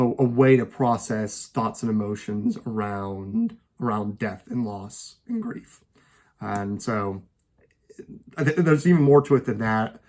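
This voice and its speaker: Man, casual film talk, rambling, hesitant, mid-pitched voice, at home. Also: darkish tone. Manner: rambling, hesitant, full of fillers and restarts. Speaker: host. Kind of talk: casual talk about favorite films.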